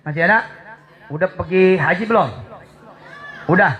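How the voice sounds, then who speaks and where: Male preacher, high-pitched voice, playful, teasing, acts out scenes. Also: moderate pace, a bit bright, poor audio. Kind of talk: Islamic sermon.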